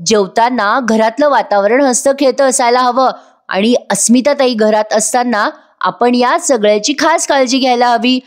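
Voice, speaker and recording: A woman's voice: a little high, moderate pace, lightly acted. A woman voicing a sensible young wife who firmly tells off a rude relative. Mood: scolding. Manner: reproachful, firm.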